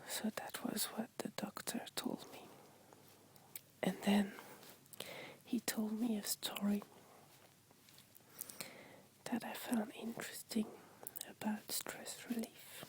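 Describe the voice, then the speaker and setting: A woman with a French accent speaks in a hushed ASMR whisper. She takes her time, explaining gently in simple words, and her delivery stays very even from phrase to phrase. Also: fairly high pitch, slow, pauses often.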